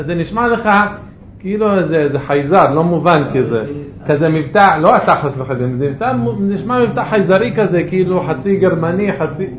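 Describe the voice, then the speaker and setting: A man's voice: high-pitched, a little hiss or hum. A man teaching pronunciation in a lesson, patiently correcting and explaining with everyday comparisons. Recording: echoey, muffled lo-fi audio.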